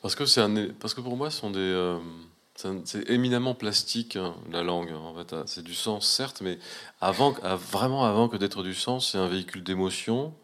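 A man's voice: fairly low pitch, normal speed, a bit bright. A man in casual conversation, speaking reflectively with many hesitations and restarts.

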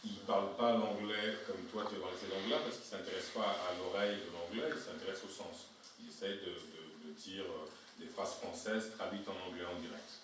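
A man's voice: sits low, steady tone, brisk, hardly any pauses. A man in casual conversation, explaining his point in long, arguing stretches. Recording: distant, echoey, noisy background.

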